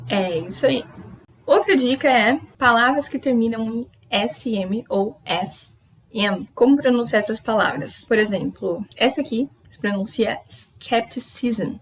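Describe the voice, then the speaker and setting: A woman's voice: fairly high pitch, breathy edge, poor audio. Brazilian woman teaching English pronunciation. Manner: explains step by step, repeats model words slowly. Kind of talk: YouTube pronunciation lesson.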